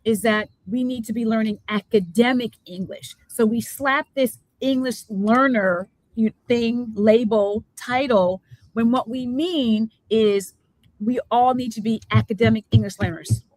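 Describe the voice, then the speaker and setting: Nj-accent lady hosting a live talk, emphatic, bit high voice, dry close sound. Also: unhurried, darkish tone, no room sound, rough recording. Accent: New Jersey. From the Bronx, New York. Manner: emphatic, affirming, repeats key points. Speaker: host. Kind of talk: live talk show conversation.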